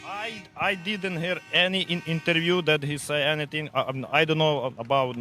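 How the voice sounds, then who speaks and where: A man with a Ukrainian accent, a truck driver answering a street interview outdoors in halting English with many restarts. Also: on the high side, steady tone, bright, forceful tone, faint music behind. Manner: halting non-native English with many repeats.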